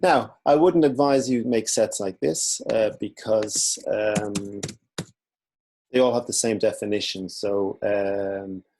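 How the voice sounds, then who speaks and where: A man explains a software tutorial while he clicks through the screen. His voice sits low with a gravelly edge, and he talks slowly and informally, like a teacher showing his class a tool. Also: a little hiss or hum.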